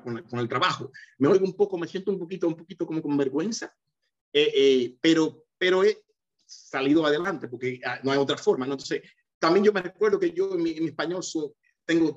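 A middle-aged Dominican man telling his life story in an interview, hesitating often with repeated fillers and restarts. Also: a little high. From Dominican Republic. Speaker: interview guest, economist. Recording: dull, slightly lo-fi sound.

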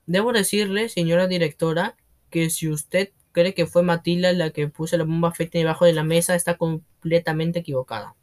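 A man voicing a gentle, earnest young female teacher who pleads softly in a storybook reading. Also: a little high, steady tone, fairly quick, close to an everyday voice. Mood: pleading.

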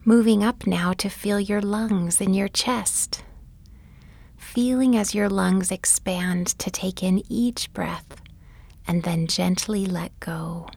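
A woman guiding a bedtime body-scan meditation, speaking softly and gently, often in a whisper. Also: mid-range voice, steady tone, creaky. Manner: soft, often whispered delivery; gentle, soothing and unhurried. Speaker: meditation guide.

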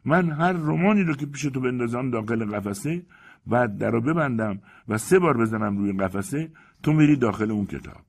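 Fussy bungling magician, played by a man, high voice, exclaiming, audiobook character, husky. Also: animated.

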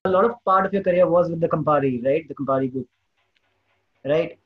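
High-voiced joking podcast host. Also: male voice, a little fast. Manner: joking, rambling questions with many fillers. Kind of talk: casual interview chat. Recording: dull lo-fi sound.

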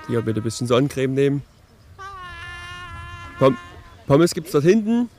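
A podcast host plays a stern, fussy pool attendant in a comedy sketch, scolding, stammering and repeating himself. His voice is medium-pitched and sing-song, a little slow, with background noise.

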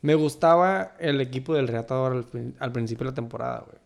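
A man with a Mexican Chicano accent and a fry-edged, gravelly voice talks casual league banter. He speaks at a middle pitch, peppers his talk with slang, and slips into English phrases. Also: quick pace. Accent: Mexican Spanish with Chicano flavor. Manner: slangy, code-switches into English. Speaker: sports league podcast co-host.

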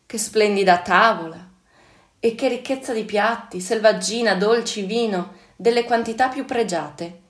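A woman's voice: on the low side, sing-song, measured pace, few pauses, mellow. A woman voicing a greedy old king in a storybook reading, exclaiming with relish. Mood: delighted. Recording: echoey room.

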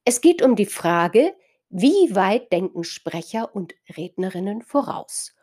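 A woman's voice: mid-range voice, big pitch swings, slow pace, a little mellow. A woman from northern Germany delivering a reflective spoken essay, thoughtful and playful with words, addressing her listeners directly.

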